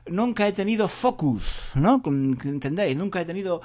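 A middle-aged man with a Spain Spanish accent, a Spanish teacher hosting a podcast, who talks fast, rambles and makes fun of himself in a lively, jokey way. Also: high voice. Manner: rambling and self-mocking, fast talking. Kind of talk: casual podcast monologue for learners.

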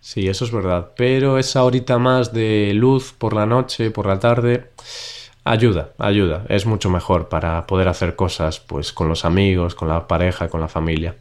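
Recorded over a video call, a podcast host for learners sounds stuffed up from a cold, giving his fairly low voice a nasal quality. He speaks at normal speed, relaxed and chatty, laughing often.

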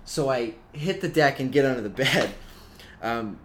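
Animated laughing male storyteller. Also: medium pitch, measured pace, slight background noise. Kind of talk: casual storytelling chat.

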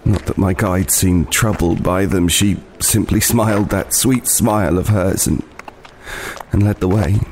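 An actor with a low, somewhat mellow voice plays a tired, guarded homeless man in an audio play, recounting a disturbing story in the first person. He sounds haunted and ominous, hesitating, stumbling and repeating words, with a little hiss or hum in the recording.

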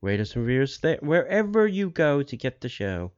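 A man with a smooth, clear voice hosts a podcast, running through announcements casually. His delivery halts and circles back to repeat details. The sound is a bit dull. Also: mid-range voice, very animated, a little fast, darkish tone. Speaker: podcast host.

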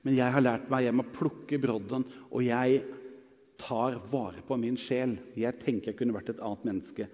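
A middle-aged man preaching a sermon, telling a personal story that swings between lively and hushed. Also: medium pitch. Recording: dull sound with long hall reverb.

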